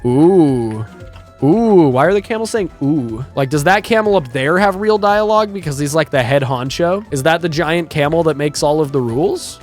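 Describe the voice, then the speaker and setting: A gaming YouTuber, a man, giving chatty, excitable let's-play commentary. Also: on the high side, brisk, hardly any pauses, faint music behind. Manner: excitable, chatty, laughs often.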